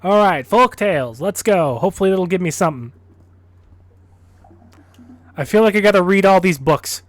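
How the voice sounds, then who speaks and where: A man's voice: sits high, lively intonation, moderate pace, no echo. A man streaming a game, chatting and reading in-game books aloud. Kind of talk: casual gameplay commentary and reading aloud.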